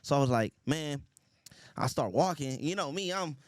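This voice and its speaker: A man's voice: on the high side, lively intonation, moderate pace, dry recording, studio quality. A man from Los Angeles, a rapper guest, telling his story in laid-back street slang in a casual interview. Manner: laid-back street slang, frequent laughs and "you feel me".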